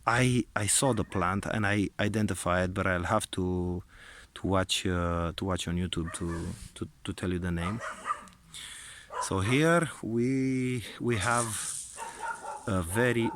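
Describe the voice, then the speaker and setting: A man giving a casual, unscripted garden tour outdoors, hesitant and often repeating his words as he goes. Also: on the low side. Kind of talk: casual unscripted vlog narration. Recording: clear background noise outdoors.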